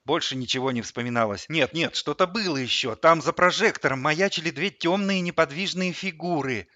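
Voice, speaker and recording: Bright-voiced male audiobook narrator. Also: on the high side, fairly quick, dry recording. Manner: vivid, expressive reading.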